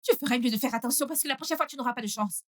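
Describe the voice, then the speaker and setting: A sharp-tongued young woman with a high-pitched voice. She is easily exasperated and snaps out confrontational questions in the manner of a dubbed film drama. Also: racing. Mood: angry, scolding.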